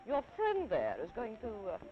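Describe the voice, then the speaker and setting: A woman voicing a gruff, worldly male python snake who talks slowly in a dry, grumbling manner, on a dull lo-fi 1950s TV kinescope recording. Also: on the high side, huge pitch swings. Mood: urgent.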